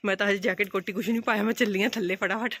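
A woman's voice: mid-range voice, steady tone, very fast, fairly bright tone. A young woman chatting casually to the camera in her home vlog. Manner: chatty, coaxing. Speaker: vlogger.

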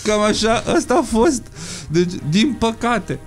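A man speaking as a sociologist guest in a casual radio chat, telling stories with lively acted-out quotes. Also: high voice, music in the background. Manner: animated storytelling, acts out quotes in raised voices.

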